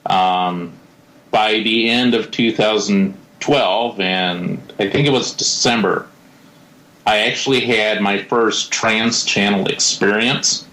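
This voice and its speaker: A man's voice: lowish voice, steady tone, slow pace, bright, forceful tone. A man speaking as a radio show guest, telling his own story casually. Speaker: guest, paranormal investigator. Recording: roomy echo on the voice.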